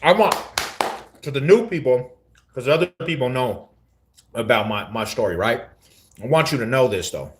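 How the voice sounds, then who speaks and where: A man's voice: mid-range voice, expressive, moderate pace, long pauses, noisy background. A man in his forties telling his story on a casual live stream, slangy and repeating himself, calling the listener bro. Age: 40s.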